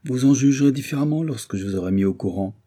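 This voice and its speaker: A man reading aloud as an aged French marquis, grave and measured in an audiobook. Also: medium pitch, lively intonation, warm tone, close to an everyday voice. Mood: earnest.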